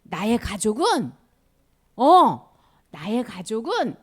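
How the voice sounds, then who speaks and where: A woman voicing a calm, patient man who gently explains things to a group of children in a Bible story. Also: a little high, slow pace, heavily acted. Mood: gentle. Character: calm, patient male teacher speaking to children.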